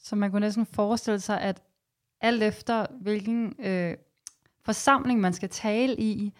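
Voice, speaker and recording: A woman's voice: mid-range voice, fairly even intonation. A woman hosting a podcast, asking curious, somewhat hesitant questions in a casual conversation. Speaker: podcast host, interviewer.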